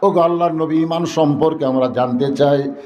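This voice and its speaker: Man, high voice, fiery sermon, sung verses, lilt. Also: moderate pace, reverberant, highs cut off. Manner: animated, rising to loud emphatic preaching with sung verses and jokes. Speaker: preacher.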